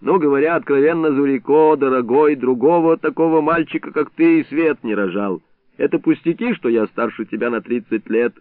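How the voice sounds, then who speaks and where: A man voicing a gruff, hot-tempered old male hunter who scolds and curses, recorded dry with a narrow, phone-like sound. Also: mid-range voice, moderate pace, no echo, close to an everyday voice. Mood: jovial boasting. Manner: scolding, cursing, bantering.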